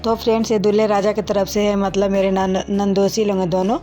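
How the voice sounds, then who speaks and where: Narrating her own wedding footage, a young woman chats directly to viewers as friends, her speech full of fillers. She speaks at medium pitch with a level, slightly fast, dark tone, and soft music plays underneath.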